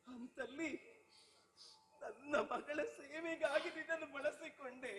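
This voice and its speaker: Man playing grieving queen stepmother, high. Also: takes it slowly, fairly bright tone, heavily acted. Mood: remorseful pleading. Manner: pleading, sorrowful, repeats phrases. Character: grieving queen stepmother, older woman, remorseful. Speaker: Yakshagana actor in female role. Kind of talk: live Yakshagana stage dialogue. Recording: echoey hall reverb.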